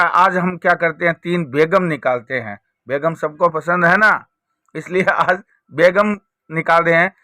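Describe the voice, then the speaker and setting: A man's voice: high-pitched, pushed and bright, dry recording, clean studio sound. A man presenting a card trick tutorial, explaining it step by step with repeated rhetorical questions. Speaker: magic trick teacher and presenter.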